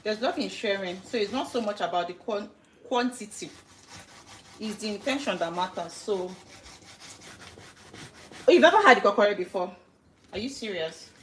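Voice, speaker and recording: A woman's voice: medium pitch, animated, brisk, pauses often, fairly bright tone, slight background noise. Chatty woman in an echoey kitchen. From Nigeria. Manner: chatty, greets live viewers by name. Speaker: cooking livestream host. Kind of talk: casual live cooking stream. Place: home kitchen. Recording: roomy kitchen echo.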